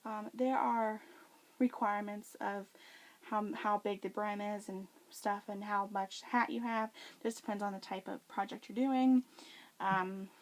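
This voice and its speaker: A woman's voice: mid-range voice, steady tone, a little slow. A woman practicing a demonstration speech, explaining each step informally and repeating instructions as she works. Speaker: craft demonstrator.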